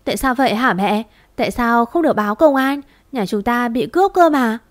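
A woman's voice: on the high side, lively intonation, a little fast, natural voice. A woman voicing an anguished grown daughter who presses her mother with urgent, reproachful questions, in an audio story.

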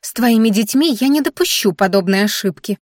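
A woman's voice: on the high side, animated, brisk, darkish tone, no echo, studio quality. A woman voicing a small furry hoofed female creature who is a fussy, weepy governess, scolding and doting with sweet pet names, in a storybook reading.

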